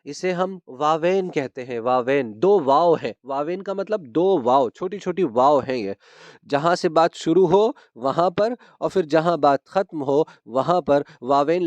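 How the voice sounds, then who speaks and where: A male teacher with a slightly high voice explains a grammar lesson patiently. He repeats the key terms and keeps asking whether his students follow. The recording is close and dry. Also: darkish tone, no room sound.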